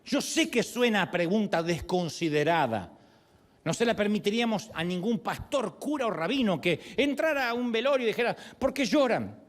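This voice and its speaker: A man's voice: high voice, moderate pace. A male pastor preaching a sermon, telling the story with humor and playful asides. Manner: animated storytelling with humor and acted quotes.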